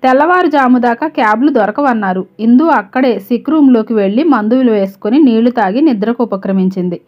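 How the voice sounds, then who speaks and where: A woman storyteller reads a scripted story in a steady, even manner. Her voice sits fairly high. The recording is slightly dull and lo-fi. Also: brisk.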